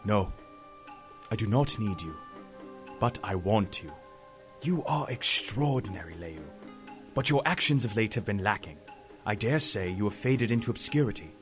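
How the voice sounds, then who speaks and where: Deep, earnest Professor Xavier played by a man. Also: expressive, soft background music, close to an everyday voice. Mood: firm, diplomatic. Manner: measured, formal, earnest. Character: grave, persuasive professor, leader of mutants. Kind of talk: scripted audio drama acting.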